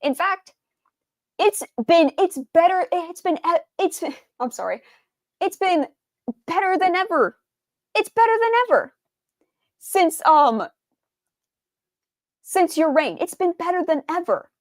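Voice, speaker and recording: A woman's voice: extremely high pitch, lively intonation, takes it slowly, pauses often, dry recording. A young adult woman streamer doing game reaction commentary, ranting in an exasperated tone and swearing freely.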